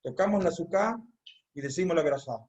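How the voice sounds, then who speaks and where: A man's voice: fairly high pitch, animated, brisk, a little mellow. A man teaching a congregation in an online religious class, explaining step by step and repeating key phrases so they are memorized.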